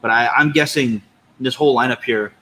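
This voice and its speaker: Male podcast co-host, medium pitch, relaxed review chat, some noise behind the voice. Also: brisk, low-quality recording. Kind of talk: casual cigar review chat.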